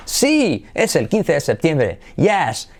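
Spanish-accented male English teacher, playful and energetic, drills pronunciation aloud. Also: mid-range voice, moderate pace. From Spain. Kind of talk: bilingual pronunciation lesson.

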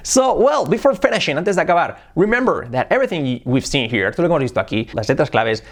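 A man's voice: a little high, very animated, fairly quick. A Spanish-speaking man teaching an English pronunciation lesson, moving between Spanish and English example phrases. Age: adult.

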